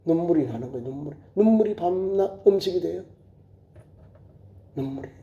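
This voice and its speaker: A man's voice: a little high, lively intonation, moderate pace, gravelly, mellow. A male pastor preaching an emphatic sermon at a prayer meeting, acting out the quoted prayers in a raised voice. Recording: echoey church, dull lo-fi sound.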